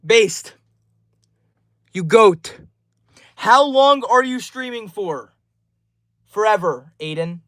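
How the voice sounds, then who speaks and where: High-voiced young man reading stream chat. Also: expressive, takes it slowly, pauses often, a bit bright, dry recording. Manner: reads chat names and answers each, upbeat and friendly. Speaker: livestreamer.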